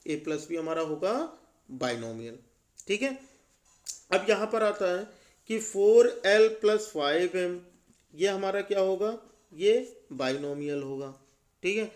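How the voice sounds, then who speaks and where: Young guy teaching maths, pretty high voice, keeps asking "ok?" and answering himself. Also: animated. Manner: asks rhetorical questions, repeats "ठीक है" often; slows down on key terms, stresses answers low. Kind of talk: classroom lesson explanation.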